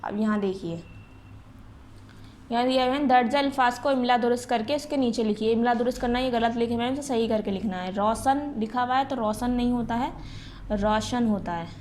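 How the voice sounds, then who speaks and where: Speaking fairly quickly in a fairly high voice with a darkish tone, a woman teacher guides her class through a lesson one step at a time. She patiently asks the students questions and then supplies the answers, with slight background noise present.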